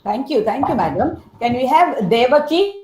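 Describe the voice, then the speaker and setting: A woman's voice: high-pitched, very animated, normal speed, warm tone. A woman moderating an online meeting, calling on participants one by one with brief, polite prompts. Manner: polite, brief prompts with frequent "yes, sir". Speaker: session moderator. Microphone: video call. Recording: echoey video call audio.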